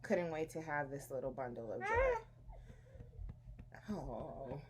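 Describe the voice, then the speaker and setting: A woman's voice: a bass voice, slow, background noise. A woman telling her birth story to camera at home in a chatty, rambling way, restarting her sentences as she bounces a baby. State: bouncing a baby while talking. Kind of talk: casual chat to camera.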